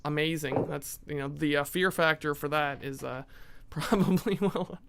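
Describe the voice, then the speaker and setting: A man's voice: a little high, moderate pace, gravelly, a bit bright, clean tone. A man in a casual podcast conversation, making wry asides and tagging his points with questions.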